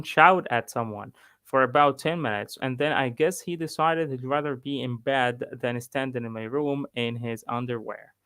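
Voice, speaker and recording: A man with an Egyptian accent, an English teacher reading a book aloud and pausing to explain words. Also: medium pitch, fairly bright tone, smooth, dry recording. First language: Arabic. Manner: slow, pausing to explain vocabulary.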